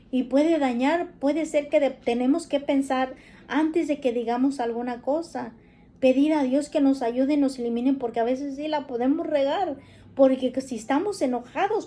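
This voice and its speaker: High, mellow-voiced woman. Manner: chatty, often adds "¿verdad?". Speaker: parenting talk speaker. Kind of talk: religious parenting reflection.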